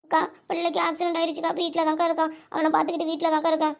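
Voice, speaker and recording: A woman's voice: extremely high pitch, monotone, rapid-fire, gravelly. A woman voicing a worried village mother in a Tamil cartoon, pleading and apologetic, with a Tamil accent.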